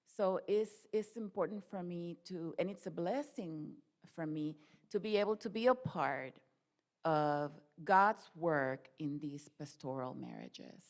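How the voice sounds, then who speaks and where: Slow, low-voiced woman counselor. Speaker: marriage counselor. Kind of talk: personal testimony.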